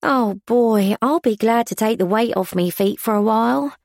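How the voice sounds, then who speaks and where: A woman's voice: on the high side, moderate pace, darkish tone, no echo, studio quality, voice pushed up, close to an everyday voice. A woman voicing an outspoken young working-class maid who talks in a plain, chatty way. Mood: lively, outspoken.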